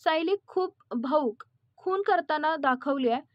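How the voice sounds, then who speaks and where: A woman's voice: high-pitched, unhurried, no echo, lo-fi sound. A woman with a Marathi accent retelling a TV serial episode and addressing the viewers. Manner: retells scenes and reads character lines aloud. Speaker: TV serial recap host.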